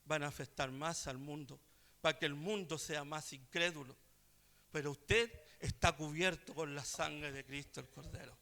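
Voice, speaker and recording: A male preacher telling a story in a sermon, swinging between quiet asides and loud exclamations. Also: on the high side, fairly even intonation, normal speed.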